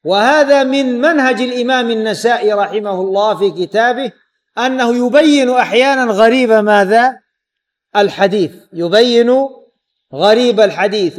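A man giving an Islamic lesson explaining a hadith, repeating key words and pausing to quiz his students. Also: high voice. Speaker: hadith teacher.

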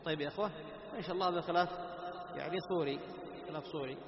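A man lectures a class on recitation at a quick clip in a fairly high voice. He keeps asking questions and answering them himself, repeating key phrases. The sound is dull and lo-fi, with a long echo and noise behind him. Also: fairly even intonation. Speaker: Quran recitation teacher. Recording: echoey hall with dull lo-fi sound and background noise.

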